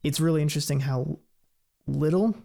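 A man explaining ideas in a relaxed, casual chat, thinking aloud with light laughs. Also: fairly high pitch, normal speed, vocal fry.

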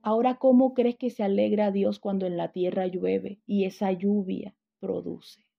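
A woman's voice: medium pitch, fairly even intonation, unhurried, creaky, muffled recording. A woman teaching a Bible lesson, telling stories and putting questions to her class.

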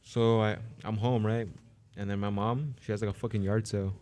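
Low-voiced young guy telling bro stories. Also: level tone, a little fast, a little mellow, a little hiss or hum. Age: young adult. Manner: slangy bro talk with swearing. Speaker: podcast co-host. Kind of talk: casual storytelling among friends.

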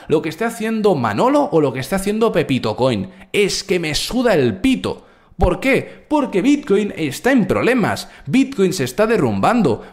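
Guy from ranting at his chat about crypto, crude and animated, voice jumps up and down a lot. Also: fairly high pitch. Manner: brash, crude, animated, talks straight to chat. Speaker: crypto trading streamer. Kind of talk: live stream market commentary.

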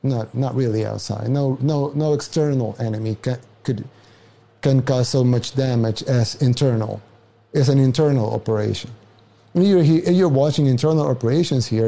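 A man's voice: mid-range voice, gravelly, mellow. Emphatic man. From El Salvador. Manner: emphatic, repeats himself. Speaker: interview guest. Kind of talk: clip of a political interview.

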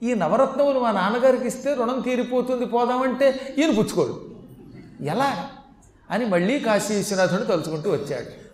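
A man telling a devotional story as a sermon and giving moral advice, slowly chanting verses along the way. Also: extremely high pitch, expressive, reverberant. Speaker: religious discourse speaker.

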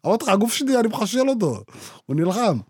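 A young man co-hosting a chatty podcast, his voice sitting high and swinging widely as he tells a story. He talks in loose, animated slang. The recording is dry and close, with no room sound. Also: breathy edge, dry recording. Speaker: podcast co-host. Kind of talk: casual chat.

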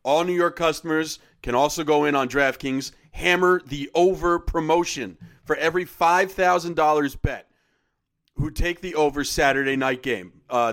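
A man, a podcast co-host, briskly reciting the legal disclaimer at the end of a sponsor ad read. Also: fairly high pitch, a bit bright. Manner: brisk, formal recital of terms and conditions.

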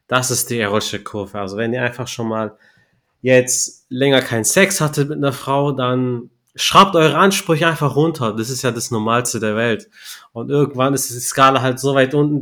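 Junger Mann, lässig, erzählt mit Slang. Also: male voice, medium pitch, fairly bright tone. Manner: laid-back slangy storyteller, laughs at his own punchlines. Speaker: podcast co-host. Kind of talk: casual storytelling.

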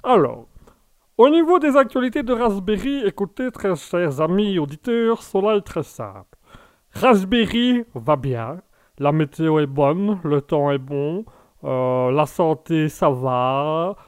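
A man's voice: a little high, animated, slow pace, clear, resonant tone, no echo. A man voicing a pompous, long-winded announcer character in a comic live-show bit. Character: pompous new male announcer character, self-important.

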